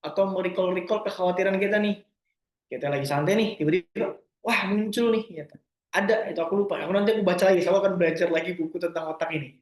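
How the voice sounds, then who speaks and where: A young man answering listener questions in a casual talk, gentle and reassuring, often forgetting terms and restarting. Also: high-pitched, very fast, reverberant.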